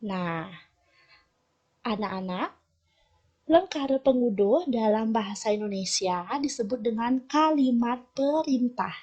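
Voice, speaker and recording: Slow, patient Balinese woman teaching children. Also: on the high side, a little mellow, slightly rough. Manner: slow, patient explaining to children, shifting between Balinese and Indonesian. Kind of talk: recorded language lesson for children. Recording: dull lo-fi recording.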